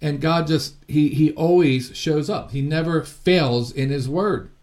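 A man's voice: a little high, a little slow, darkish tone. A middle-aged man preaching a sermon earnestly and from the heart, with frequent fillers and restarts. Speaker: ministry founder and preacher. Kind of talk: sermon teaching.

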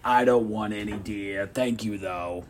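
A man's voice: on the low side, unhurried, a little hiss or hum, lightly acted. A man playing a prim older woman who keeps calling the caller "dear". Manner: soft, prim, says "dear".

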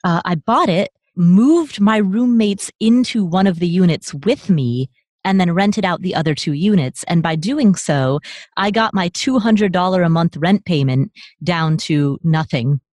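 Woman guest, slightly low voice, dry close mic, animated and chatty. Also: unhurried, dry recording. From Nepal. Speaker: podcast guest. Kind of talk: conversational interview.

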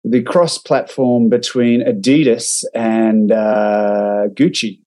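Mellow-voiced Australian man, dry humor. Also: fairly low pitch, flat delivery, takes it slowly, low-quality recording. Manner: wry, dry humor, reads out and critiques clips. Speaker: podcast co-host and digital marketer. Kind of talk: casual podcast chat. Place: remote call.

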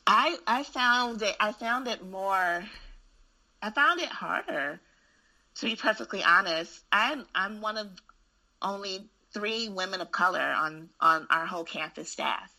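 Frank woman, low gravelly voice with a bright edge; candid, chatty storyteller. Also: low-quality recording. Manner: candid, frank, animated storyteller with frequent restarts. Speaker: school administrator. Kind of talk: casual conversation.

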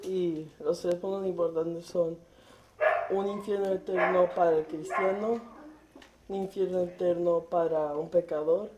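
A man's voice: high voice, fairly even intonation, unhurried. A young man practising a sermon introduction as a student, in a dull, very noisy recording. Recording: dull sound, very loud background noise.

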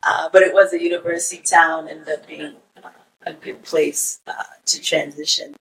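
A woman in her forties who grew up in Kenya, a podcast guest telling stories in a relaxed way with frequent "you know". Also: low voice, normal speed, recorded from a distance, rough recording. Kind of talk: casual conversation.

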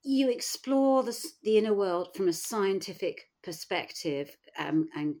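A woman's voice: medium pitch, lively intonation, a little slow, darkish tone. A woman hosting a podcast, interviewing in an effusive, casual and chatty way. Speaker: podcast host.

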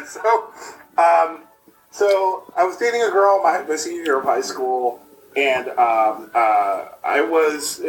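A man in his late thirties, a podcast guest and improv performer, tells a story in a rambling, halting, self-mocking way, his voice tinny as if he were inside a metal can. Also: fairly high pitch, fairly bright tone, reverberant. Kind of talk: casual chat, storytelling. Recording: hollow, distant remote call with faint hiss.

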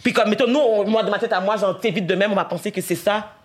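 A man talks fast in a high voice. He rambles with lots of fillers while hosting a casual panel chat. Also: steady tone.

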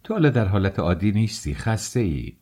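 A man voicing a young woman, a sister who is firm but gentle, in an audiobook. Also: lowish voice, very animated. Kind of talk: audiobook character voice.

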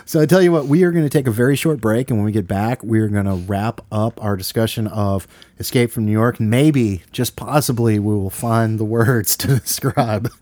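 A man's voice: fairly low pitch, normal speed, darkish tone, no echo. A man co-hosting a late-night radio show, talking casually about films and often circling back over his phrases. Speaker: radio co-host.

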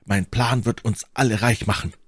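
A man voicing a calm, scheming young male painter who explains his plan earnestly and persuasively. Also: on the low side, normal speed, slightly rough, dry recording, clean studio sound.

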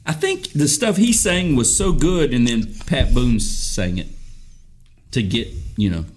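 Man, podcast co-host, lively up-and-down voice, laughs easily, faint noise. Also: medium pitch, measured pace. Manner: laughing often, hums while chewing. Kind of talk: casual chat.

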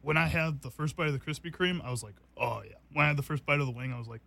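A man's voice: a little high, very fast, gravelly, pushed and bright. Laughing young man hosting a food taste test. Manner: laughs often, loose rambling with fillers. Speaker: host.

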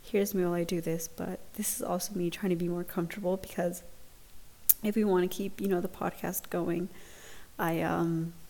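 A young adult woman records a casual solo podcast update on a laptop with an earphone mic in a dorm lounge, sounding awkward, hesitant and self-conscious. Her voice is fairly low and mellow, flat in delivery, at normal speed.

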